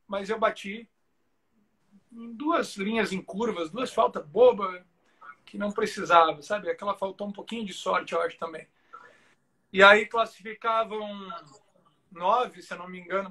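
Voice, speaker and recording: A show jumping rider tells stories in a casual live interview, his high, bright voice carrying a forceful tone. He's chatty and keeps peppering his speech with fillers like "cara" and "né."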